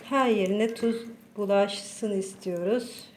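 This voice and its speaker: Slow and a little mellow, her mid-range voice carries through a roomy echo with faint background noise. She runs a cooking channel, hosting a casual home cooking tutorial and chatting with viewers as friends while she works.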